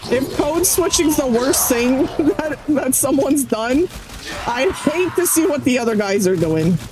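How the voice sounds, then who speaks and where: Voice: high voice, unhurried, music in the background. A streamer chatting casually while gaming, talkative and incredulous, often laughing. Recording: steady background noise.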